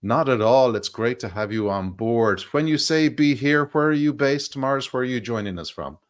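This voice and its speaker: A man's voice: medium pitch, animated, normal speed. A man hosting a livestream interview, chatty and enthusiastic, laughing easily. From Ireland. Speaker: livestream host. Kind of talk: casual interview chat.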